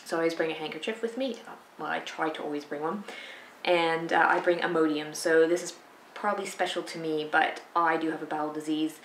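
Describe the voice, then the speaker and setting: A woman's voice: sits low, steady tone, fairly quick. A woman in her thirties from the UK, a cycling vlogger explaining gear to camera in a chatty way with frequent asides and fillers, recorded seated in a home room. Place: sunny home room with shuttered window. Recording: echoey room with audible noise.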